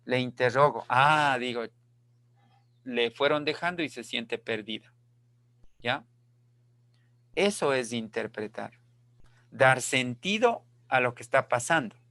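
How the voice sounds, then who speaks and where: Slow, deliberate male teacher. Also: medium pitch, animated, bright, forceful tone, no room sound. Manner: slow, deliberate, repeats key phrases and checks understanding. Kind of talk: online class lecture. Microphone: video call.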